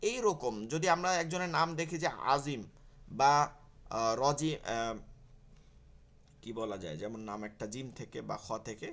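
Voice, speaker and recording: A man's voice: medium pitch, moderate pace, long pauses, a bit bright. A man teaching an online Quran class, explaining step by step, repeating key terms and asking and answering his own questions.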